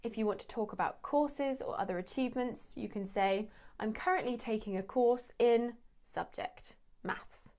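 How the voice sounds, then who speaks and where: A young woman, giving a measured, clearly explained lesson. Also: a little high, darkish tone. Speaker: English teacher. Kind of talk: scripted English lesson.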